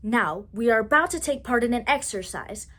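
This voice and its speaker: A woman voicing a bossy animal commander giving brisk orders to a troop. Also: on the high side, animated, a bit bright. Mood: commanding.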